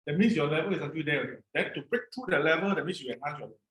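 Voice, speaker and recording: A man's voice: on the high side, racing, a bit bright, a little hiss or hum. Singaporean man coaching in an echoey room. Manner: encouraging, repeats short instructions. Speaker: instructor guiding a player through a brain game. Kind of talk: casual step-by-step coaching. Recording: roomy, echoing sound.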